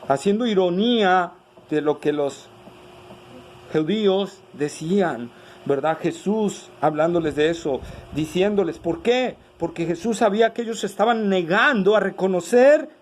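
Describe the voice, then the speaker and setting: A man with a high voice preaches a sermon to his congregation. He keeps checking in with rhetorical tag questions. Faint noise sits behind him. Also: unhurried, rough recording. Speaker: pastor.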